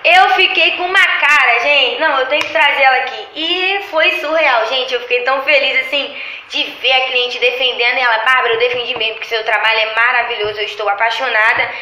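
A woman in casual chat, telling animated stories about her lash clients and acting out their lines. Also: high voice, brisk, a little hiss or hum. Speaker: lash artist. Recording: echoey room.

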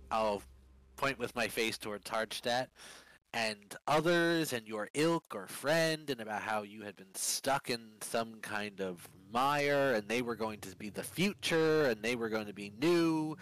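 A man voices a young vampire prisoner, once a sailor, who answers in halting, trailing phrases. His voice sits at an ordinary middle pitch. It stays close to his own plain voice. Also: fairly bright tone, low-quality recording. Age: young adult. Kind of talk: tabletop role-play in character.

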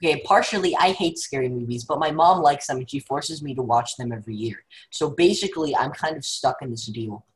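A man's voice: medium pitch, brisk, few pauses, poor audio. Teen guy on a video call, hyped up, says stuff five times in a row. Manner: excitable, repeats words in bursts. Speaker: podcast co-host. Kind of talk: casual chat.

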